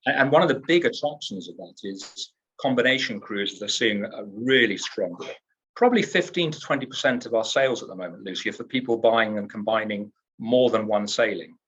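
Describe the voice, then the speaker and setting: A man's voice: on the low side, a little fast, fairly bright tone, husky, dull audio. A man from the UK, a cruise line executive in a trade interview, talks up his company in an upbeat, salesy way and often restarts his words.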